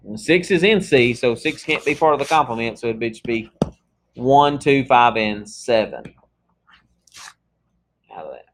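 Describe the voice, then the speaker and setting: A man's voice: mid-range voice, animated, unhurried, long pauses, a little hiss or hum. Guy teaching math, laid back, keeps asking "okay?", medium voice. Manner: casual, talks through examples with frequent "okay?" checks. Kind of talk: classroom math lecture.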